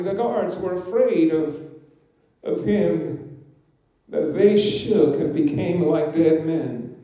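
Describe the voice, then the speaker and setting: A man preaching a sermon, slow and emphatic, with dramatic pauses. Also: sits high, dark tone. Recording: very echoey hall.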